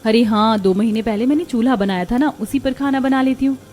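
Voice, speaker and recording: With a rather high, slightly fast, darkish voice, a woman lightly acts the part of a humble, devoted young village daughter-in-law in a Hindi moral cartoon story. The character's dialogue is respectful, earnest, dutiful and eager to please.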